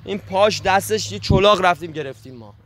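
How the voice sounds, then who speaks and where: Man, slightly high voice, bossy, threatening, giving orders, hidden camera prank. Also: a bit bright. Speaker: prank actor.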